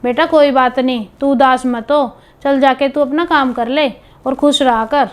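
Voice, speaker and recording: A woman playing a caring mother-in-law who gently advises her daughter-in-law in a family drama. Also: sits high, steady tone, unhurried, slight background noise. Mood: consoling. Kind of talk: scripted home video family drama. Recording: background music under dialogue.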